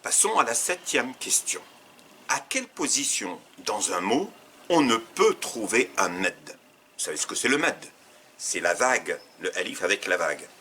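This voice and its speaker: A man teaching, who reads out quiz questions to learners and slowly repeats each set of answer choices. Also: lowish voice, very animated, bright, forceful tone, slight background noise. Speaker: Arabic teacher.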